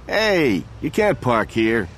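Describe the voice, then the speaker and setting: A brusque male parking attendant, put on by a man in a story reading who barks directions loudly and fast. His pitch leaps all over the place. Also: very animated, slight background noise.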